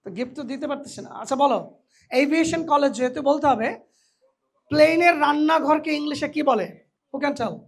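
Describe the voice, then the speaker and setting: A man teaching English pronunciation to new college students in a hall, lively and teasing, slipping English phrases into his talk. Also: very high voice, brisk, creaky. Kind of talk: lively classroom lecture with a live audience.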